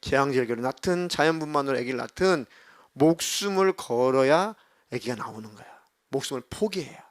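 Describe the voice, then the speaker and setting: A man's voice: medium pitch, fairly quick, no room sound, clean studio sound. A middle-aged male pastor giving a youth sermon, telling a story and acting out the people in it, playfully scolding his listeners. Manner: animated, acts out quoted voices, scolds listeners playfully.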